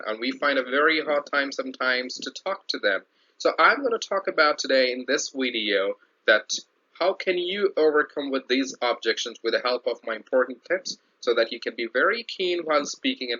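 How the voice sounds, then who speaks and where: Bright-voiced man teaching on a lo-fi recording. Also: medium pitch. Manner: explains slowly with many fillers and restarts; instructive, repeats key points. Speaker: English teacher. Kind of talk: online English lesson. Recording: dull lo-fi sound.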